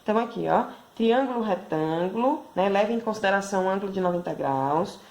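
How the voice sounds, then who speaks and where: A woman's voice: mid-range voice, lively intonation, fairly quick, darkish tone. Brazilian lady teacher doing a math video class for kids, patient, keeps asking "right?" after every step. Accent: Brazilian Portuguese. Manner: patient, explanatory, constant tag questions. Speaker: primary school math teacher. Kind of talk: video lesson for children.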